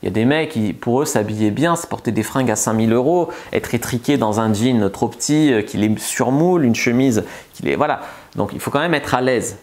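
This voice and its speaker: Brisk and darkish in tone, this medium-pitched man is a seduction coach chatting casually to camera with advice. His talk is loose, peppered with filler words and restarts.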